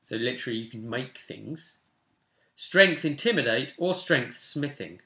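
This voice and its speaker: Expressive and unhurried, a medium-pitched voice with a sharp tone comes from a tabletop roleplay host in his twenties. He is rolling a game character and explaining it to viewers in a casual, think-aloud chat. Recording conditions include a roomy echo from the small home room plus background hiss and clicks.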